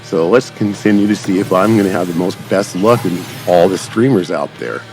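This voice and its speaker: A man with a deep, slightly dark voice narrates his play over game footage, addressing viewers the way a streamer would. He speaks at an ordinary speed, informal and long-winded, as music plays beneath him.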